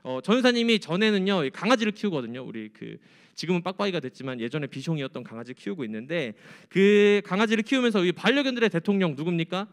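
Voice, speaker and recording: A young man preaching to high school students in a church, chatty and joking. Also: animated, fast. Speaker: youth pastor.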